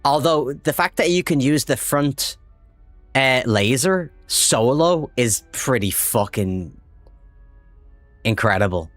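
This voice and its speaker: Excitable Irish man streaming a game. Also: mid-range voice, slow, dry recording, soft background music. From Ireland. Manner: excitable, swears freely, talks to chat. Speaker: livestream gamer. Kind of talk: casual live gameplay chat.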